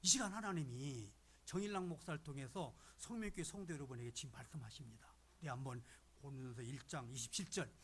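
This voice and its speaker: A man in his seventies, a retired pastor, preaching in a folksy, animated way that sometimes drops to a hush. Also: a little high, slight background noise. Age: 70s. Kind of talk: sermon. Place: church sanctuary.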